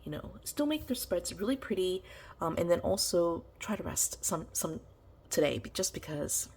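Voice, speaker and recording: This woman speaks at a moderate pace in a lowish, expressive voice that's a little mellow and slightly rough. A vlogger who's sick, congested, and nasal, with her voice starting to go, she chats meanderingly through her planner decorating, full of ums and you-knows, in a relaxed plan-with-me chat.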